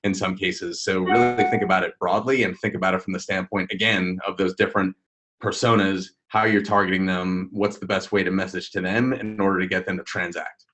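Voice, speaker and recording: Deep-voiced man explaining thoughtfully. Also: fairly even intonation, fairly quick, a bit bright, faint music behind. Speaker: webinar co-host. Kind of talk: live webinar discussion.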